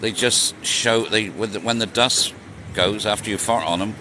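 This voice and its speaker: A vlogger in his sixties rides through city streets on a live stream, chatting casually, joking, and answering viewer questions. His voice is fairly low, steady, and sharp at a normal speed, and the noisy outdoor recording picks up traffic and street sounds.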